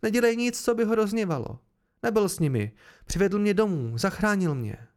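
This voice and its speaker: A man's voice: sits high, expressive, darkish tone, voice pushed up. A man doing a frightened, pleading young woman. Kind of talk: amateur audiobook reading.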